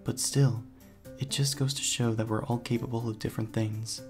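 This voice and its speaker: Speaking as the hero, a narrator and let's player reads scripted first-person story narration over background music in a video game playthrough. His voice is medium-pitched, a little mellow, and steady, at a normal speed.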